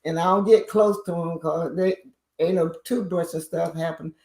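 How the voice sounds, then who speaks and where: A woman's voice: on the low side, steady tone, normal speed, warm tone. Older woman, guest, rambling and chuckling, echoey room sound. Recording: roomy echo.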